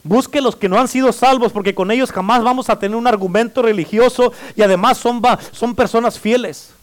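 A male pastor with a high-pitched voice delivers a lively sermon in church. He calls out for amens and playfully teases his listeners as he preaches. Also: brisk. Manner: preaching with call-and-response amens; playful, teasing the congregation.

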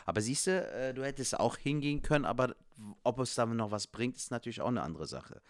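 A man's voice: mid-range voice, animated, fairly quick, no echo, studio quality. A young man on a casual podcast, with slangy, laid-back banter. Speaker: podcast co-host and comedian.

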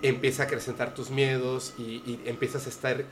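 A man hosts a casual conversation, telling lively anecdotes peppered with slang. His voice sits at an ordinary middle pitch, with faint noise in the background. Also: brisk. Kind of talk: casual chat.

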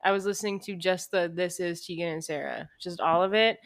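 A woman's voice: on the low side, steady tone, a little fast. A woman co-hosting a casual podcast from her living room, rambling through stories with lots of fillers. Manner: rambling, filler-heavy storytelling. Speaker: podcast co-host. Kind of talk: casual chat.

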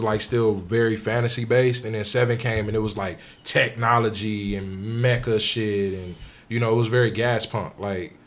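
Young man, podcast co-host, casual chat, middle pitch, loose filler-heavy talk, loud when excited. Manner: loose and laid-back, lots of "like" fillers, gets loud and animated when excited.

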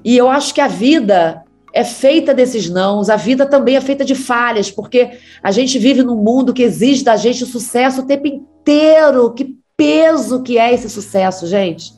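With faint music underneath, a chatty Brazilian actress tells laughing, casual stories about her career as an interview guest, in a Brazilian Portuguese accent. Her voice is on the high side and darkish in tone, at a moderate pace with few pauses.

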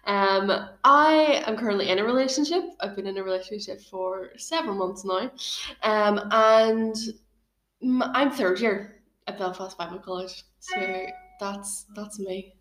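A 24-year-old woman with a Northern Irish accent, a podcast guest introducing herself in a measured way. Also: mid-range voice, fairly bright tone. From Northern Ireland. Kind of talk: casual chat. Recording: roomy echo.

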